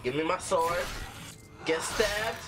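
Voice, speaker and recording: A man's voice: sits high, takes it slowly, noisy background. A man giving let's-play commentary, talking back at the screen and cheering the character on. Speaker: gaming channel host.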